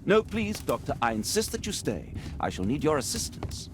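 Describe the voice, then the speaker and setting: An actor playing an earnest, courteous, concerned English doctor with a British accent in a game cutscene. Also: male voice, fairly high pitch, sing-song, normal speed, background noise. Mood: polite, insistent. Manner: polite, earnest. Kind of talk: dramatic game cutscene acting.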